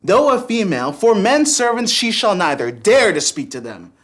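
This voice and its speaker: An actor playing a domineering, scheming young gentleman suitor in arch, pompous Restoration-comedy style. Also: mid-range voice, sing-song, moderate pace. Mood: pompous, gloating. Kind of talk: Restoration-comedy stage acting, arch period dialogue.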